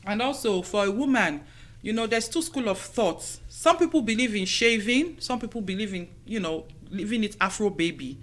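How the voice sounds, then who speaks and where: A woman's voice: mid-range voice, lively intonation, normal speed. A middle-aged woman hosting a radio talk show from a studio, giving casual, motherly advice to women with lots of "you know" fillers.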